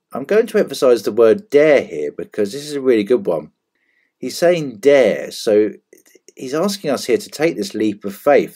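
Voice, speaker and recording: A man giving an earnest, measured spiritual teaching, repeating key phrases for emphasis. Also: fairly low pitch, mellow. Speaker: channel presenter.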